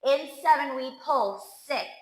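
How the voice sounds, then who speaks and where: A woman's voice: sits high, measured pace, reverberant, poor audio. A woman leading a pilates workout, counting down reps with upbeat cheers and sometimes winded. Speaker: pilates instructor. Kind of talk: workout class cueing.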